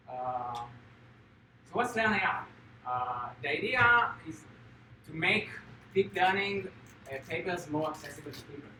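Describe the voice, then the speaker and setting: Man from Israel giving a hesitant tech talk. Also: fairly high pitch. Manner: hesitant, many filler sounds. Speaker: guest speaker. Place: meetup room. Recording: echoey room, distant mic, noisy.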